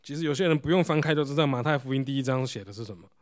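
A man's voice: medium pitch, racing. A male preacher giving a sermon, explaining pictures and often asking the congregation rhetorical questions. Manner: explains while showing photos.

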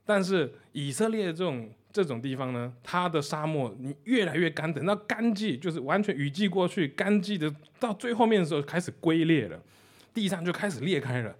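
Male preacher, conversational, repeats points, animated pitch. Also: fairly quick. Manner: conversational, repeats key phrases, tells jokes.

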